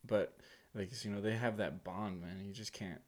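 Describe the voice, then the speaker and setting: A man's voice: fairly low pitch, fairly even intonation, moderate pace. A man in his thirties, a father and podcast co-host, in a casual chat, talking animatedly and laughing often as he acts out voices.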